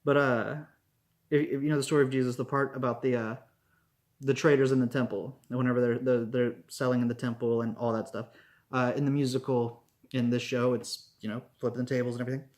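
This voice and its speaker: A man talking through a review in an easygoing, rambling way, full of fillers and false starts. His voice sits at an ordinary middle pitch for a man. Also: level tone, fast, darkish tone. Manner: rambling, lots of fillers and restarts. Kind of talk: casual spoken review.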